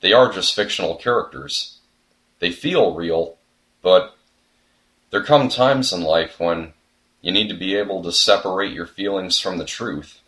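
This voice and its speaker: A young man with a lowish voice delivers a scripted video essay. He sounds earnest and reflective, and now and then he breaks into a sudden comic outburst. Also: a little slow, a bit bright. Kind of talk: scripted commentary narration.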